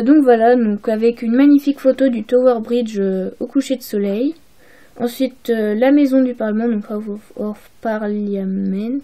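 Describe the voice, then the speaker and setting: A young woman talks through her souvenirs in a casual home haul video. She hesitates often, filling gaps and restarting phrases. Her voice sits a little high yet sounds soft and mellow. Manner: hesitant, many fillers and restarts. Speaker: vlogger.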